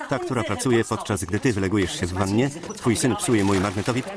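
A man reading the voice-over for a film, giving every character's lines in his one steady voice over the original soundtrack. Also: lowish voice, fairly quick, music in the background. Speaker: voice-over reader.

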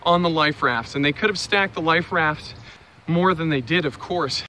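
Holding his camera or phone at arm's length, a young man does a casual walking vlog monologue outdoors on city streets and trails, full of fillers as he muses. He speaks on the high side at normal speed, bright and forceful, over traffic and street noise.

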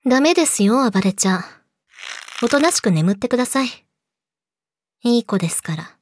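A young woman playing a yandere girlfriend in a role-play audio drama, politely sweet, possessive and menacing, slipping into breathy whispers, close to the mic. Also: fairly high pitch, lively intonation, normal speed, slight background noise, close to an everyday voice. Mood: soothing menace. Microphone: close studio mic, dry.

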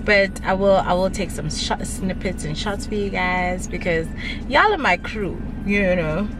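A young woman chatting casually to a handheld camera for her vlog, animated and laughing between phrases. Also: medium pitch, a little slow, poor audio. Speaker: vlogger. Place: gym, kitchen and parked car. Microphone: handheld camera at arm's length. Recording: loud music playing behind her.

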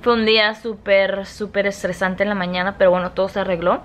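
A young woman with a Mexican Spanish accent chats casually to her vlog camera at night, relaxed and unhurried. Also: mid-range voice. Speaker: vlogger.

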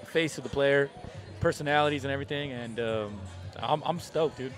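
A man's voice: medium pitch, normal speed, faint music behind. A man co-hosting a casual podcast, laid-back, teasing and swearing freely. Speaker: podcast co-host.

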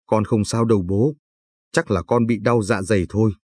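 A man's voice: fairly low pitch, fairly even intonation, normal speed, a little mellow, no echo, close to an everyday voice. A man reading the lines of a frightened, tearful young pregnant woman in a spoken story. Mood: pleading. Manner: pleading.

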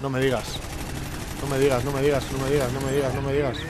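A young man from commentating his own gameplay, excitable, with sudden shouting bursts and repeated words. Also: medium pitch, quick pace, noisy background. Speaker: gaming YouTuber.

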